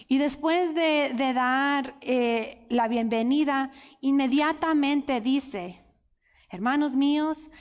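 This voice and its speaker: Earnest woman teaching in a big hall. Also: high voice. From United States. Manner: earnest, emotional, speaks directly to listeners. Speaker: women's workshop speaker. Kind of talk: Bible teaching at a women's conference. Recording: reverberant hall.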